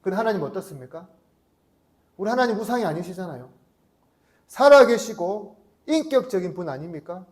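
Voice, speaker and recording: A man with a notably high voice preaches a Sunday sermon. He keeps turning to the congregation with rhetorical questions. Now and then he acts out a short prayer or exchange without leaving his own voice. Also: very animated, brisk, pauses often. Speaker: pastor.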